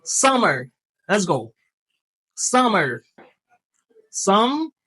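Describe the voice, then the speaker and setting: A woman with a Haitian Creole accent teaching English vocabulary, repeating each word slowly so learners can copy it. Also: medium pitch, very animated, fairly bright tone, husky. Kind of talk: language lesson with drilled repetition.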